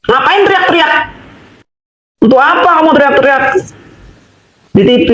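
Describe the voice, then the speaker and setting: A woman rants in a scornful, accusatory monologue, firing off mocking questions one after another. Her voice sits high and carries a noticeable echo from the room around her. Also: highs cut off. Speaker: housewife commentator. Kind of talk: angry monologue rant. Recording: echoey room.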